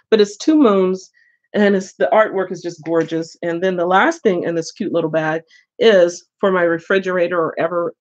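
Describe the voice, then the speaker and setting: A woman's voice: fairly low pitch, dull audio. An older woman hosting a casual book live stream with a head cold, chatty and laughing often as she greets viewers. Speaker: booktube host.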